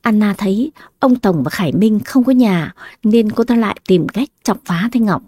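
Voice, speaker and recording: A woman's voice: medium pitch, animated, moderate pace, warm tone. A woman narrating a dramatic story.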